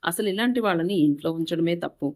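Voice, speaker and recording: A woman reading a story aloud voices a furious, bossy young wife who scolds and shouts. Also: lowish voice, fast talker, natural voice. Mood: scolding.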